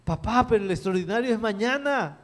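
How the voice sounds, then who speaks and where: A man voicing his young adult son, a frustrated student, in a high, strained, pleading voice. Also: expressive, fairly quick. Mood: despairing.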